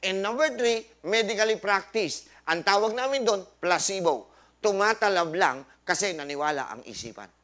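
A high, bright-toned man lectures a live audience at a health forum. He talks like a preacher, firing rhetorical questions, quoting scripture and dropping jokey asides. He slips English phrases into his Tagalog. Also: expressive, moderate pace. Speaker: doctor hosting a health forum.

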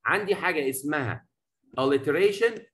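A man with an Egyptian Arabic accent teaching a poetry lesson in a classroom, talking affectionately to his students and mixing Arabic with slowly read English lines. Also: a little high, lively intonation, fairly bright tone, roomy sound, poor audio. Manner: affectionate, addresses students as "habibi" and "baba"; mixes Arabic explanation with slow English reading.

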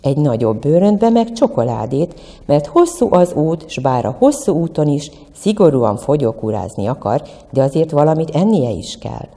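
Museum lady reading a kids story, low gravelly voice, echoey room. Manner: expressive, lilting storyteller. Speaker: museum educator. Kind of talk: storytelling for children.

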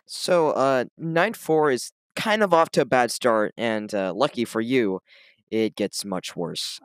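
A man giving let's play commentary on a horror game, panicky and jumpy, yelping and laughing at the scares between wry, self-mocking asides. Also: mid-range voice. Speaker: gamer playing a horror game.

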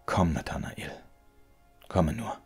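A man's voice: a bass voice, steady tone, a little slow, breathy edge, faint music behind, full character voice. A man reading as a tender, soothing mother.

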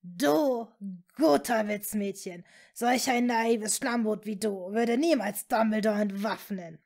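A woman voicing an evil male dark wizard who talks in a cold, mocking, hissing way. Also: medium pitch, fairly even intonation. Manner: slow, scornful, hissing.

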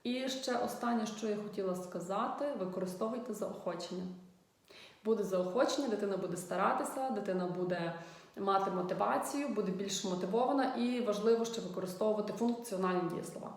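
A young woman, a speech therapist, gives parents a calm explanatory video lesson, pausing often with fillers and acting out simple example instructions. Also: medium pitch. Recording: very echoey room.

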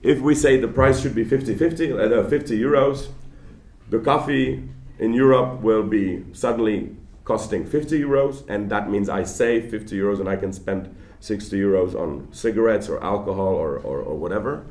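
A man giving a public lecture in an animated, conversational way, often restarting his sentences, in a large lecture hall. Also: on the low side, normal speed. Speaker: guest lecturer.

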